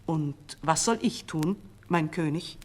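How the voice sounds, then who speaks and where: A woman voicing a cautious male vizier to a king, speaking in a careful, deliberate manner in a storybook reading. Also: deep voice. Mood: dutiful.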